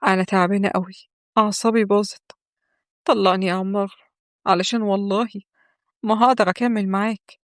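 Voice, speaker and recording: Woman reader doing a desperate young Egyptian wife for a storybook tale, pleading and emphatic, mid-pitched, dry close recording. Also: fairly even intonation, fairly quick, pauses often, no echo, lightly acted. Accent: Egyptian Arabic.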